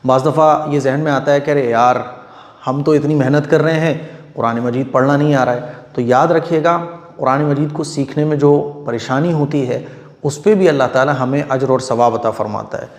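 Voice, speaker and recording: A man's voice: medium pitch, normal speed. A middle-aged man teaching Quran reading, patiently repeating and drawing out each letter sound in a step-by-step lesson. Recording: echoey room with long reverb.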